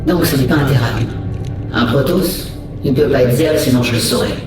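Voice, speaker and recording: A commanding hive queen from a game cinematic. She is imperious and curt, sounding distant and echoing under loud music. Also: a bass voice, a little fast. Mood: grave. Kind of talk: dubbed video game cinematic acting.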